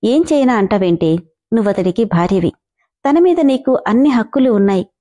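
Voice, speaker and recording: A woman's voice: fairly high pitch, lively intonation, normal speed, warm tone. A woman voicing a caring middle-aged mother who coaxes and reassures her daughter. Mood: coaxing.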